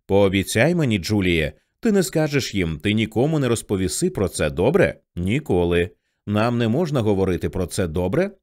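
A man voicing a frantic older teenage girl who shouts at and then pleads with her younger sister. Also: lowish voice, sing-song, moderate pace. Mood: pleading.

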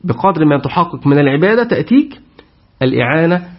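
Male teacher, tafsir lesson, quizzes students, higher voice, dull recording. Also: sing-song, fast. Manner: asks the class questions and repeats their answers. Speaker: Quran teacher.

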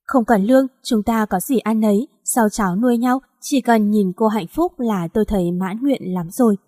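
A loyal elderly housekeeper, voiced by a woman reading a storybook, devoted and pleading. Her tone is mellow. A long hall reverb follows. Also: fairly high pitch, normal speed, studio quality, lightly acted.

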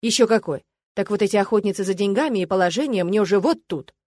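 A woman reading the lines of a cocky young male mage in a fantasy audiobook, calm and teasing. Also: mid-range voice, quick pace, no echo, lightly acted. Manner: easygoing, unruffled.

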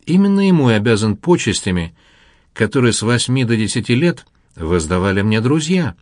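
A man narrating an audiobook in a calm, measured storytelling manner. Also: mid-range voice, no room sound, clean studio sound.

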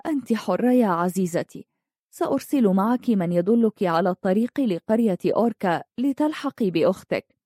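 A woman reading the lines of a sorrowful young princess in a faint, gentle voice. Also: medium pitch, expressive, brisk, no room sound, studio quality, natural voice.

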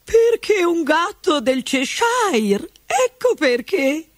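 A woman's voice: very high-pitched, big pitch swings, slow, no echo, pitched above the performer's own voice, exaggerated voice. A woman voicing a rude, bad-tempered noblewoman in a storybook, shrieking and scolding.

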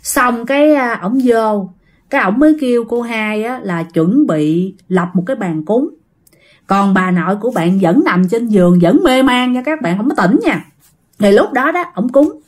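A woman's voice: a little high, animated, moderate pace, a little mellow. A woman casually telling a ghost story, chatty and addressing her listeners directly.

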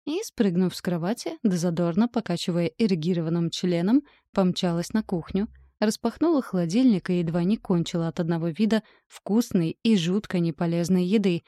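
A woman narrating a first-person audiobook in a wry, steady manner. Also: lowish voice, no room sound, studio quality.

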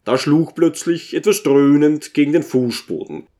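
A man calmly reading a classic novel aloud as an audiobook narrator. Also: fairly high pitch, normal speed. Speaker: audiobook reader.

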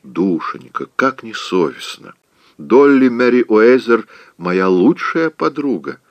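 A man's voice: lowish voice, sing-song, slow pace, no echo, dull audio, pitched above the performer's own voice, exaggerated voice. A man voicing a fussy, tearful older aunt who scolds and frets, in an audiobook reading. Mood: fretful scolding. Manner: scolding, fretful, easily weeping.

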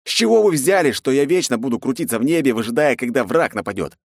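A man voicing an angry young male hero who shouts down a hostile crowd with sarcasm. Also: medium pitch, expressive, fast, no echo, studio quality, voice pushed up. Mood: furious.

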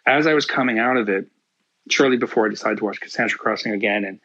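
A man talking as a guest in casual chat, candid and animated, swearing freely. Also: on the low side, quick pace, muffled recording.

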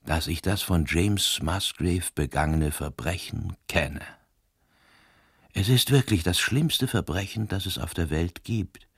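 Guy reading a quiet old priest sleuth, deep husky voice, grave and unhurried, dry close sound. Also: dry recording, exaggerated voice. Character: calm, sharp-minded old male priest detective. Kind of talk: scripted narration.

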